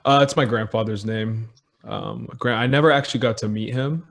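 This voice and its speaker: A man's voice: fairly low pitch, normal speed, vocal fry, a bit bright. A young man of Ethiopian heritage, a podcast guest chatting casually and joking, with lots of "um" and "like", recorded over a video call. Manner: laid-back, filler-heavy, joking. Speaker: podcast guest, business owner.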